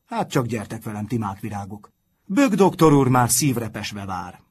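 A man reading aloud and voicing a sneering, mocking older schoolboy prefect in a raised, loud voice. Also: mid-range voice, big pitch swings, slightly rough. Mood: sugary.

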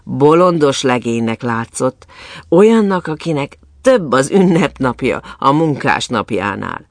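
A man reading a fairy tale aloud in an expressive, storytelling manner. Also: medium pitch, dry recording, clean studio sound.

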